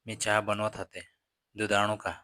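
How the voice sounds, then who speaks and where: A man voicing a teasing, playful neighbourhood aunt in a storytelling reading, keeping his own flat voice. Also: lowish voice, moderate pace, no echo.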